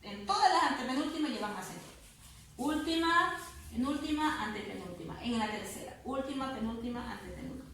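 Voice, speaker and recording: A woman teaching a grammar lesson, explaining patiently and repeating words slowly syllable by syllable. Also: on the high side, lively intonation, recorded from a distance. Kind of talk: spanish grammar lesson to students. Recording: very echoey room, voice off-mic with faint noise.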